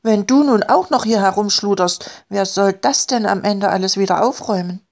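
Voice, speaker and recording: A woman's voice: medium pitch, normal speed, creaky, darkish tone, close to an everyday voice. A woman voicing a flustered little girl who pleads and stammers. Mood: pleading.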